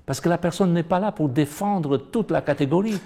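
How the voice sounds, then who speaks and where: A man's voice: fairly high pitch, a little fast, vocal fry, mellow. A middle-aged man with a Romanian accent, earnestly discussing a Bible lesson and pressing hard on key points. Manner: earnest, rising to emphatic stress. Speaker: panelist in a Bible study discussion.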